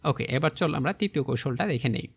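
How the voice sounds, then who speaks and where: Fast-talking Bangladeshi tutor man. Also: medium pitch, animated, husky. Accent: Bangladeshi Bengali. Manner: explains spellings step by step, checks in with "thik ache" often. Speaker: teacher. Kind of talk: spoken vocabulary lesson for admission exam.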